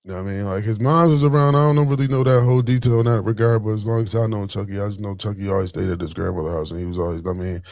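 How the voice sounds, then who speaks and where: Gravelly man in his forties telling a story. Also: fairly low pitch, steady tone, rapid-fire, few pauses, darkish tone, no room sound. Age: 40s. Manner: rambling, with constant fillers and restarts. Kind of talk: casual storytelling monologue.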